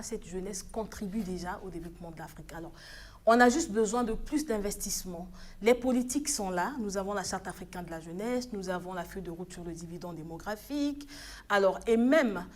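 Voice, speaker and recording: On a TV news set, an earnest woman from the Republic of the Congo, an African Union official, is interviewed as a studio guest. Her mid-range voice has a darkish tone, and she exhorts earnestly while restarting hesitantly at times.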